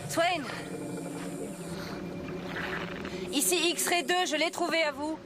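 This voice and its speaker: An actress in a dubbed TV drama playing an urgent navy sailor who talks in clipped radio procedure. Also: female voice, extremely high pitch, fairly even intonation, moderate pace. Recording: loud background music.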